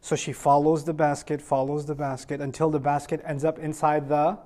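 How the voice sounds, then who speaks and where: A man's voice: fairly high pitch, normal speed. A man telling a story to a room of children, quizzing them as he goes. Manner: animated, asks the kids questions. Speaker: teacher of children.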